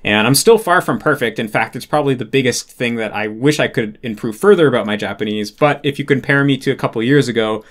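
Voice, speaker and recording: A man in relaxed conversation, speaking at a middle pitch with an even, ordinary voice. He explains his points patiently and thinks out loud, with plenty of casual fillers along the way. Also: fast, few pauses. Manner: thoughtful, explanatory, many "like" fillers. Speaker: interview guest, Japanese learner.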